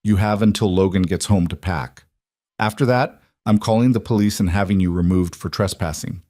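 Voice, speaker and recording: Man reading cold daughter-in-law, curt orders, low voice, dry sound. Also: normal speed, dark tone, no room sound, lightly acted.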